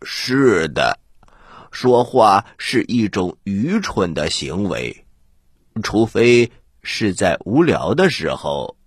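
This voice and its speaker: A man voicing a bored, courteous stone statue in a children's story, husky and hesitant. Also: fairly low pitch, sing-song, slow pace, dry recording, clean studio sound, voice pushed down, exaggerated voice. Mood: bored, weary. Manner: hesitant, sighing, ponderous.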